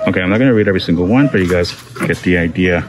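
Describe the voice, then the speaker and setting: A deep-voiced man talks rapid-fire while hosting a shopping vlog, reading product labels aloud on a casual walk through a large discount store. It's filmed on a handheld phone camera, so store noise and ambience come through.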